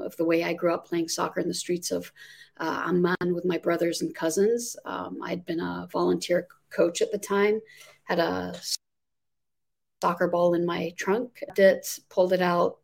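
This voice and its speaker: Speaking as a guest on a remote interview, this Jordanian woman in her forties, who founded a nonprofit, talks earnestly about her work, leaning on lots of fillers in a casual exchange. She has a lowish, somewhat mellow voice with vocal fry.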